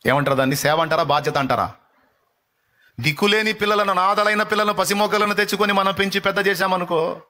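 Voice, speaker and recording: A male pastor preaching a fiery live sermon, exhorting and rebuking with rapid repetitions. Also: high voice, sharp tone. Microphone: live-stream microphone.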